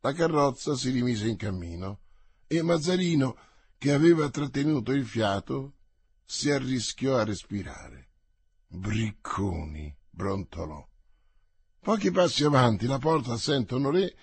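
A man narrating a novel aloud in a measured, theatrical way, as an audiobook reading for radio. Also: medium pitch, slightly rough, dry recording.

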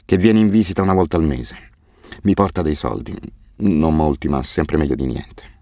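A man voicing a weary, guilt-ridden orphanage director who speaks haltingly and turns bitterly defensive. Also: rumbling low, vocal fry, mellow, dry recording, clean studio sound. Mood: grave, ashamed.

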